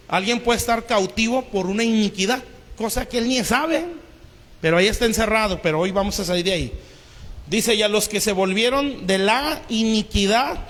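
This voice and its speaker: High-voiced pastor preaching in a hall. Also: male voice, a bit bright. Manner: keeps asking the congregation "¿sí?". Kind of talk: sermon. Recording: long hall reverb.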